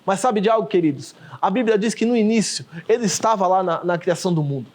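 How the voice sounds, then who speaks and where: A man's voice: high voice, fast. A male pastor with a Brazilian accent preaching fervently to a camera, calling his listeners dear ones and acting out scripture. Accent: Brazilian Portuguese. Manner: fervent, addresses listeners as "queridos", acts out scripture. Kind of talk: sermon. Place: in front of a camera, livestream.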